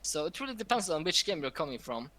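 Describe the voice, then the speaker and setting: Man, bright slightly high voice, opinionated panelist in casual chat. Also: sing-song. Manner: opinionated, loose, drawn-out phrasing. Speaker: talk show panelist.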